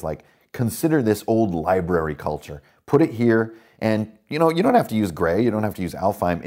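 A man's voice: low-pitched, darkish tone. A man hosting a tabletop roleplaying podcast, talking casually and enthusiastically about worldbuilding with lots of fillers. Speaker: podcast host and dungeon master.

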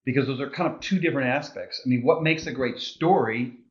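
A man's voice: medium pitch, fairly quick. Male co-host, jokey chatter, roomy dull recording. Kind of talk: casual podcast chat.

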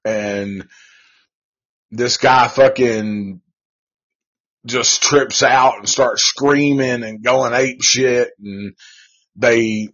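A man's voice: mid-range voice, fairly even intonation, very slow, long pauses, a bit bright. A man hosting a live show, reviewing a movie in a rambling, profane, laid-back way with lots of slang. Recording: dull lo-fi recording.

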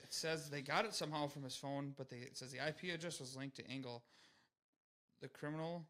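A man's voice: on the high side, a little fast, a bit bright. A young man co-hosting a casual podcast, easygoing and speculative as he reads news aloud and muses on it. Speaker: podcast co-host.

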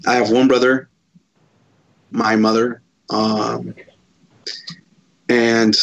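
Guest, male, thirties, from Chicago; hesitant, pausing speech; fry in the voice, muffled sound. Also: mid-range voice. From Chicago, USA. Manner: halting, hesitant, many pauses. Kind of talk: casual interview answers. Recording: dull lo-fi sound.

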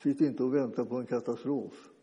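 A male preacher with a very dark, mellow voice gives an informal, conversational sermon. He talks haltingly, restarting phrases and filling pauses as he goes. The recording is dull and lo-fi, with a long reverb tail. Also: mid-range voice, fairly even intonation.

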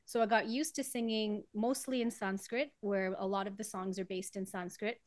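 A woman's voice: mid-range voice, fairly even intonation, moderate pace, dry recording, clean studio sound. A woman from Trinidad, a singer interviewed as a guest, talking casually and laughing often as she explains.

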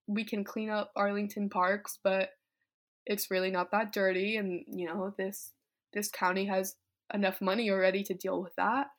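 With a flat delivery, a medium pitch and a moderate pace, a fifteen-year-old Vietnamese teenager who campaigns on climate talks about her life. She's candid, casual and thoughtful, regularly dropping in "like" and "you know."

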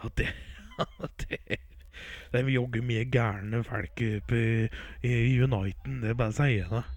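A man's voice: mid-range voice, steady tone, no room sound. A man telling rambling folksy jokes in a casual comic style. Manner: rambling folksy joke-telling with filler words. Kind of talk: comic storytelling and sports commentary.

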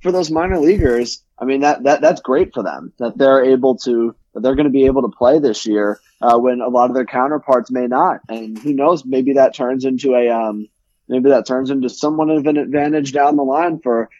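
Mellow man on a dull, lo-fi line. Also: mid-range voice, normal speed, no echo. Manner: rambling, many restarts and fillers. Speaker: podcast co-host. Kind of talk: casual sports podcast chat. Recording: dull, lo-fi sound.

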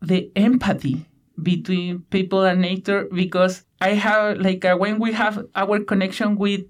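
A Chilean man in his thirties, a PhD student appearing as a guest, answers interview questions in halting English with a Chilean Spanish accent. His voice sits high and his tone stays level, with lots of fillers and restarts.

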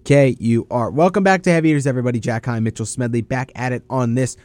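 Young guy doing college radio sports talk and announcements, close dry sound, average pitch. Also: expressive, racing, darkish tone, dry recording.

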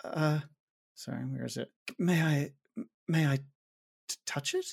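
A game master voicing a timid, frightened young noblewoman who speaks softly and hesitantly in a tabletop game. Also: medium pitch, fairly quick, husky, no room sound, clean studio sound. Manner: hesitant, soft. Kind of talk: tabletop game role-play.

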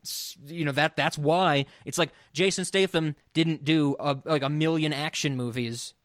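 A man's voice: a little high, fairly even intonation, moderate pace, a bit bright, no echo, studio quality. Rambling man in casual podcast chat. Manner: rambling, many restarts and fillers; laughs often. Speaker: podcast co-host.

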